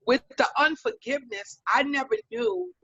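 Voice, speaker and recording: A woman guest telling a personal story in an earnest, reflective way with pauses, on a video call. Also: high-pitched, sing-song, pushed and bright, dry recording, muffled recording. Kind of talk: personal testimony in an online talk show.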